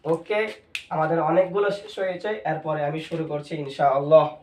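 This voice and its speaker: A man's voice: fairly high pitch, normal speed, a little mellow, roomy sound, recorded from a distance. A man teaching a lesson with playful memory tricks, repeating key words over and over to drill them. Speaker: tutor.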